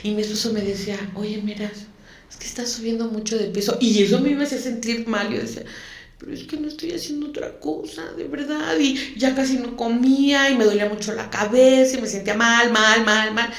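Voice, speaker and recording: A woman's voice: a little high, level tone, a little fast, fairly bright tone. A woman, a guest telling a personal story in an interview, emotional and repeating words for emphasis. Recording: echoey room.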